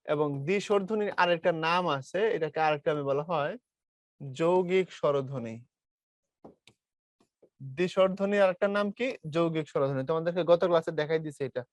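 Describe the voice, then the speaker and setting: Young male tutor from Bangladesh, light Brahmanbaria accent, fairly high voice, dry close sound, patient step-by-step lecturing. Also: a little fast, pauses often, no echo. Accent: Bangladeshi Bengali, Brahmanbaria region. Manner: explains step by step, calls students brother, models sounds aloud. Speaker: teacher. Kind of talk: online class lecture.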